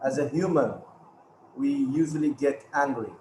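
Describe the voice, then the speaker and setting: A man's voice: medium pitch, normal speed, dark tone. A man asking a question on a panel call, polite and hesitant, repeating himself. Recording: echoey room with faint background noise.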